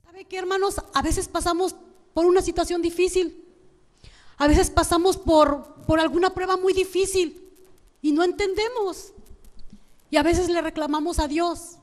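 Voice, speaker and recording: A high-pitched woman with a Mexican Spanish accent delivers a sermon as pastor. She keeps calling out to the congregation and stumbles into restarts as she goes. Her voice rings with the long reverb of a church hall. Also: fairly even intonation, moderate pace, long pauses, a little mellow. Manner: repeats "hermanos" often, with frequent restarts.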